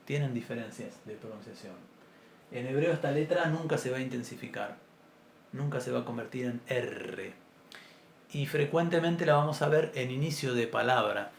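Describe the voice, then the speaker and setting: A man teaching an introductory Biblical Hebrew class, explaining patiently and clearing his throat often. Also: mid-range voice, moderate pace. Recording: roomy echo, faint background noise.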